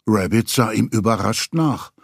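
A man reading a children's story aloud, expressive storyteller. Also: fairly low pitch, unhurried, creaky, slightly rough, no echo, clean studio sound. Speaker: narrator.

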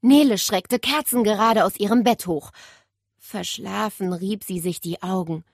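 A woman narrating a children's audiobook with expressive, animated storytelling. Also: mid-range voice, a little slow, vocal fry, dry recording, clean studio sound.

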